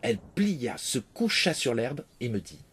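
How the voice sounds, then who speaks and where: A man reading a fairy tale aloud, expressive in his first-person telling. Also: medium pitch, measured pace, a little hiss or hum. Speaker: narrator. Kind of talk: storybook reading.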